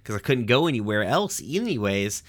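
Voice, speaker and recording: A man's voice: medium pitch, very animated, moderate pace, close to an everyday voice. A man doing a chipper little alien girl with a nasty streak. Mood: eager. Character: sweet female alien turned murderous gremlin.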